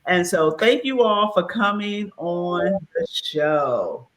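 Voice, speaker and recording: A woman in her fifties hosting a casual talk show, lively and quick to laugh with playful asides. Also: on the low side, rough recording. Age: 50s. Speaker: host. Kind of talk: casual chat.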